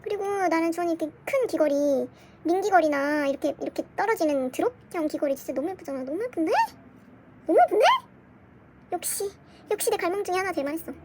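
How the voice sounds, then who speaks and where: A young woman vlogging an unboxing at home, gushing excitedly with gasps and squeals. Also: high voice, very fast, background noise. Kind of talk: casual unboxing chat. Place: home room, dim lighting.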